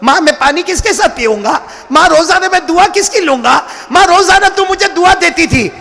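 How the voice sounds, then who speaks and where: A man's voice: very high voice, lively intonation, normal speed, creaky, bright, forceful tone, voice pushed up, exaggerated voice. A man voicing a grieving son who keeps calling out to his dead mother in a tearful, pleading way. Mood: weeping lament. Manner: tearful pleading, repeating "maa". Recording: long hall reverb.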